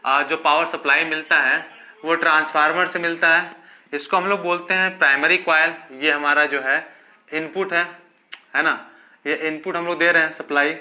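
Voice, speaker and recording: A man teaching physics gives a lecture at a moderate pace, his slightly high voice steady in tone, pushed and bright. He keeps calling his students children, asks questions he then answers, and uses okay over and over as a filler.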